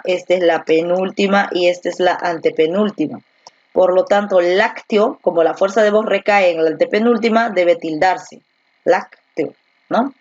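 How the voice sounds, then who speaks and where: A woman teacher giving an online class, patiently repeating words slowly to show where the stress falls and asking the student questions. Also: fairly low pitch, darkish tone, muffled recording. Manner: asks rhetorical questions to the student. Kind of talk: virtual class lesson.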